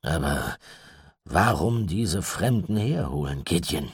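A wary farm manager, as a male narrator puts him on in an audiobook. He speaks slowly and softly with a lilting singsong, a shade deeper than the narration, mistrust in every unhurried word. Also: big pitch swings, husky, no echo, studio quality, exaggerated voice. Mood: distrustful. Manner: soft, lilting singsong delivery.

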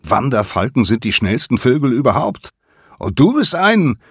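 A man's voice: deep voice, fairly even intonation, a little slow, fairly bright tone, slightly rough, no echo, clean studio sound, exaggerated voice. A man voicing an anxious, exasperated teenage boy in a storybook reading.

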